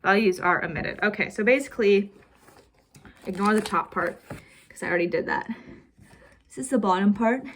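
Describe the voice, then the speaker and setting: A woman's voice: medium pitch, moderate pace, pauses often, a bit bright, slight background noise. A young woman casually walking through her homework answers as a student, rambling with lots of "basically" and "like", a little out of breath. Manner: rambling, heavy use of "basically" and "like". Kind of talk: casual recorded homework walkthrough.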